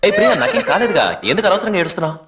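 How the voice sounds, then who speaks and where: A man's voice: high-pitched, huge pitch swings, rapid-fire, recorded from a distance, a crowd in the background. A man dubbing a breezy, teasing young husband in a film, reassuring his wife. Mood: soothing. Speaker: dubbing actor. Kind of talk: Telugu film dub.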